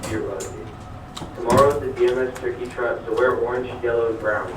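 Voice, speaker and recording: A man's voice: mid-range voice, fairly quick. Man reading announcements over an intercom. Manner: steady, plain reading of notices and name lists. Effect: heard over a school intercom loudspeaker. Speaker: school announcer. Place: classroom, played through a wall speaker. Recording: echoey, distant intercom speaker with noise.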